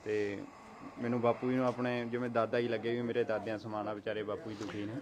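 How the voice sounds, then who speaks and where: A man's voice: on the low side, level tone, fast, noisy background. A young man, a neighbor who helped the family, telling what happened in an earnest, talkative way. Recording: crowd chatter behind.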